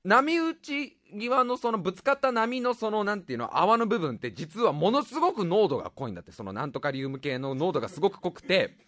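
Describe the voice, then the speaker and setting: A man in his thirties with a fairly high, very animated voice, carrying a comic monologue in rough, casual speech. He laughs often, stumbles and corrects himself as he rambles. The recording is dry and close, with no room sound. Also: dry recording.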